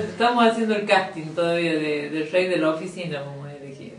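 A woman's voice: on the low side, a little fast. Chatty Argentine woman in an echoey office. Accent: Argentine Spanish. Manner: chatty, many fillers and restarts. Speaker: youth coordinator interviewed about a youth expo. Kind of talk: casual interview. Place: small office indoors. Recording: echoey room, distant mic, faint noise.

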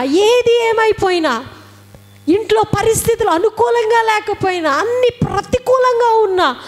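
A woman's voice: high voice, big-room sound. A woman preaching a fervent sermon, firing rhetorical questions and repeating phrases for emphasis.

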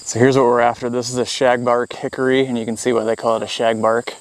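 This American man in his thirties is a foraging vlogger, talking casually and explaining things into a clip-on wireless lapel mic. His mid-range voice stays level and moves fast, and the recording sounds rough.

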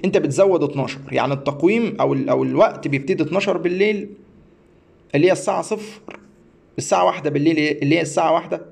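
An astrology teacher with an Egyptian Arabic accent walks through a website step by step in a screen-share tutorial, rambling, repeating himself, and often stumbling and restarting. His voice is on the high side, with vocal fry.

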